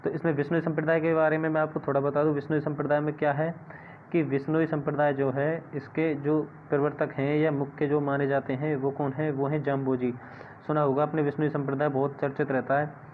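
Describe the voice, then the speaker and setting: A man gives an exam-prep lesson, slightly high in pitch, often asking a question and repeating the answer. The audio is thin and phone-like, with a faint hiss underneath. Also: little pitch movement, brisk. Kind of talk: classroom-style exam lesson.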